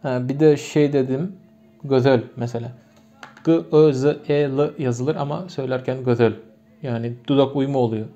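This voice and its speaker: Turkmen-accented man teaching, mellow dull sound. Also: medium pitch, steady tone, moderate pace. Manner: explains patiently with many examples and repetitions. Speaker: language teacher. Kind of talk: lesson. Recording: muffled lo-fi recording.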